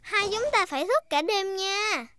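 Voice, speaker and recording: A woman's voice: extremely high pitch, lively intonation, measured pace, sharp tone, no room sound, studio quality, full character voice. A woman voicing an eager, giggly little girl piglet in a dubbed preschool cartoon. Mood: eager, cheerful. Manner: childlike, enthusiastic, giggly.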